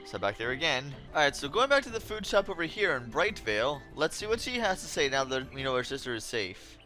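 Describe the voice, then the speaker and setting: A man's voice: mid-range voice, big pitch swings, fairly quick, bright, forceful tone, soft background music. A man giving casual, chatty game commentary as a let's play host, wry and easily annoyed.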